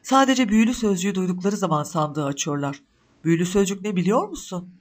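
A man's voice: high-pitched, lively intonation, quick pace. A man voicing a desperate, fiercely protective young mother in a storybook reading, speaking urgently. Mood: tender.

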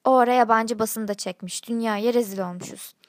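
A woman's voice: on the high side, fairly quick, natural voice. Woman doing a foul-mouthed young bartender. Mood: sulky. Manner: crude, swearing, tearful pleading. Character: cocky young male bartender, taunting then begging.

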